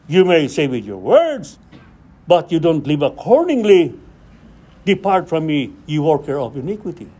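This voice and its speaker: A man's voice: high-pitched, warm tone. A man leading a Bible study, preaching and acting out scripture dialogue with rising questions.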